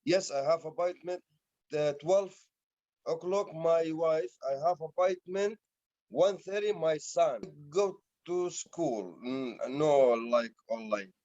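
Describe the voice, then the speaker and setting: A slow, halting man speaks in simple learner English, pausing often between short phrases. His voice sits a little high for a man. The sound is dull and lo-fi, as if from a played video clip. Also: warm tone. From Syria. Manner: halting, short simple sentences with many pauses. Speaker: language learner.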